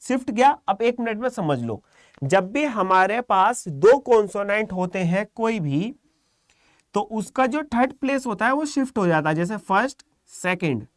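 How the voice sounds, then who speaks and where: A man teaching a live online shorthand class, calm and encouraging, quizzing students by name. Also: sits high, dry recording, clean studio sound.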